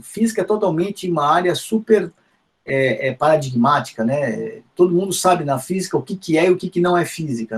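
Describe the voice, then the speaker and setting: A man's voice: fairly high pitch, a little mellow. A middle-aged man from São Paulo with a Paulistano accent, giving a conversational university lecture full of tag questions and restarts. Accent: Paulistano Portuguese. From São Paulo, Brazil. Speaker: guest lecturer, physics education professor.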